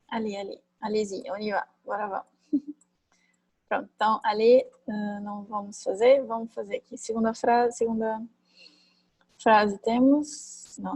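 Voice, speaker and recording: Mellow-voiced woman teaching an online class. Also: on the high side, husky, no room sound, low-quality recording. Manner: chatty, thinking aloud, many fillers and tag questions. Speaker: French teacher. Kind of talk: online class, explaining grammar.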